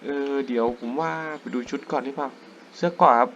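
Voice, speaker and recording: A young man giving casual, excitable commentary while playing a hunting game, breaking into sudden jumpy exclamations. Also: medium pitch, fast, dull audio, slight background noise. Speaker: gaming YouTuber. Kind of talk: casual let's-play commentary.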